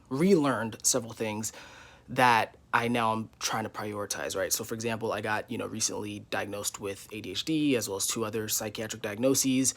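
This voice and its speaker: A man's voice: mid-range voice, fairly bright tone. A man in his twenties giving a casual, candid vlog update from his living room, rambling with many fillers. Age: 20s. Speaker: YouTuber.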